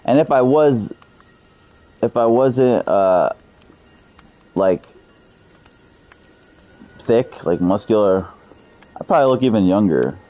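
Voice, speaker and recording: A man's voice: fairly low pitch, lively intonation, slow, long pauses, highs cut off, faint music behind. A man in his thirties streaming a game, chatting loosely and cursing freely with his viewers. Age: 30s. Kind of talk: casual live-stream chat.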